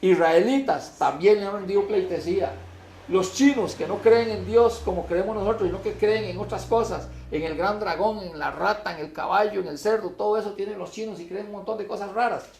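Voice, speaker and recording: A man preaching a sermon, his voice high, gravelly and mellow in tone. He speaks emphatically and swells into loud declamation when he reads scripture. The room around him is echoey. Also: a little fast, slight background noise.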